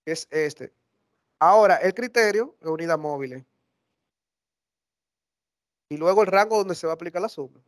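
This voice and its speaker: A high-voiced man walks a class through a live software demo. His delivery is chatty and he often stops to correct himself mid-sentence. The sound is dry and close, with little room tone. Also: moderate pace, pauses often, no room sound. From Dominican Republic. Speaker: workshop instructor. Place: classroom or lecture hall.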